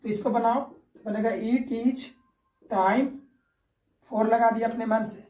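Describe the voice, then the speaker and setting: A man with a very high yet dark-toned voice teaches grammar slowly and steadily, classroom-style, step by step. He repeats himself and checks understanding through short tag questions. The recording is echoey, with the mic placed at a distance.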